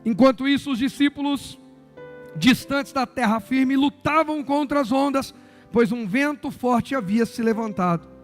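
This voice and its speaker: A man's voice: extremely high pitch, measured pace, soft background music. A man with a Brazilian Portuguese accent, a pastor preaching a sermon in church, often asking the congregation questions, repeating their answers and adding joking asides.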